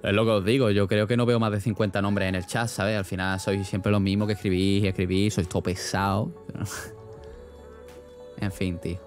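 A man's voice: on the low side, level tone, normal speed. Young man, slangy streamer chat, faint music underneath. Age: young adult. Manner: rambling, slangy, laughs often. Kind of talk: casual chat reading live chat.

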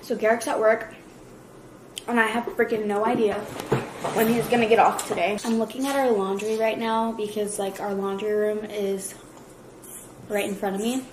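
A woman's voice: mid-range voice, level tone, normal speed, echoey room, a little hiss or hum, rough recording. A young woman vlogging casually at home, chatty and full of fillers, nauseous and tired. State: nauseous, worn out. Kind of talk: casual vlog chat. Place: home kitchen.

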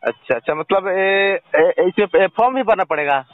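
This is a dry, tinny telephone recording of a young man with a high voice speaking at normal speed. Calling casually to sell an old coin, he comes across as hesitant and question-filled.

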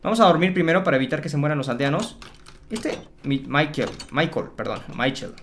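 A man commentating his Minecraft play for viewers, excitable and chatty, repeating words and exclaiming. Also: on the high side, a little fast, slight background noise. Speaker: gaming YouTuber.

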